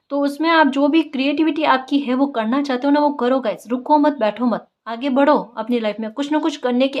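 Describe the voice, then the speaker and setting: A woman tarot reader offers casual spiritual guidance, coaxing and encouraging, often asking her listeners "right?" and repeating key phrases. Her voice is a little high.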